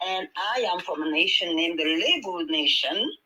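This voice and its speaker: A Senegalese woman, a native Wolof speaker with a Senegalese accent, speaks earnestly as a midwife and healer in a conversational panel over a video call, rambling with fillers and restarts. Her lowish voice is expressive and sharp at a normal speed, and the audio is poor.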